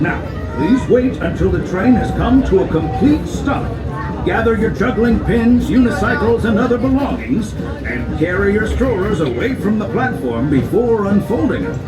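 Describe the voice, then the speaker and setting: Echoing over loud music, a folksy, cheerful male train conductor narrating a theme park ride. He calls out theatrically in a high, showman's voice. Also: far from the mic.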